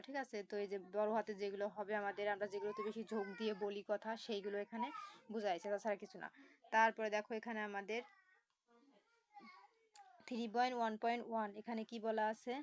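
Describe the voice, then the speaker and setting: Slow, patient woman teacher spelling words. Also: on the high side, a little hiss or hum, rough recording. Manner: spells words letter by letter, slow explanations with many fillers. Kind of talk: online lesson explaining a textbook.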